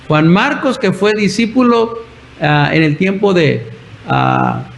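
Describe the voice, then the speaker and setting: High-voiced preacher. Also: male voice, sing-song, slow pace, creaky, poor audio. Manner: storytelling preacher, acts out quoted voices, chuckles often. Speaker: pastor. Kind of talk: sermon.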